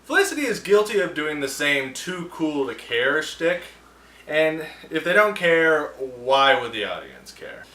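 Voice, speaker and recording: A man hosting a film review show delivers casual, sarcastic rants in a bright, forceful voice. He sits back from the mic, so his voice rings in a roomy echo. Faint ambient sound hums behind him. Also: fairly high pitch, measured pace, distant mic. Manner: sarcastic, animated ranting.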